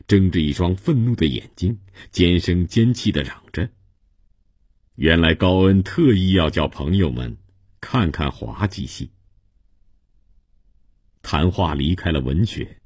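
Deep, husky male narrator. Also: dry recording, clean studio sound. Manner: steady, measured storytelling. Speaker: audiobook narrator. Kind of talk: scripted novel narration.

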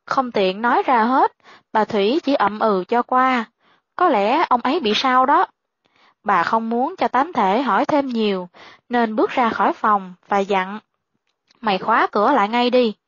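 A woman reads a horror story aloud in a steady, even pace. Her voice sits fairly high. The recording is dry and slightly muffled, lo-fi. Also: a little slow, no echo. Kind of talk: spoken horror story narration. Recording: dry, dull lo-fi sound.

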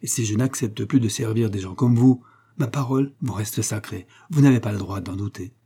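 A man's voice: on the low side, normal speed, mellow, slightly rough. A man voicing a dignified young son who speaks formally and firmly. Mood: indignant. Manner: formal, firm, polite.

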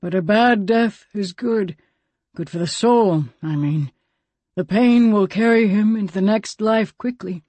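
A woman reading an audiobook, voicing a solemn, slow-speaking old man who serves as a guide. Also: medium pitch, mellow, no room sound, lightly acted.

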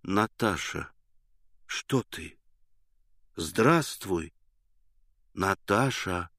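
Man doing a high, pushy-loud young lover, earnest and flustered, audiobook. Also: animated, a little slow, no echo, studio quality. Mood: timid. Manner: eager, breathless protesting. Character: excitable, earnest young man pleading innocence.

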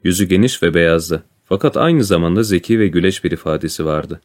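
A man reading a classic adventure story aloud as a narrator, in a calm, even storytelling manner. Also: low voice, brisk. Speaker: audiobook narrator. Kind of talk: storybook narration with voiced dialogue.

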